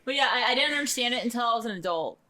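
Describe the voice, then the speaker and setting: A woman's voice: on the high side, expressive, racing, sharp tone. Woman in her thirties, earnest podcast chat. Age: 30s. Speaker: podcast co-host. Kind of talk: casual chat.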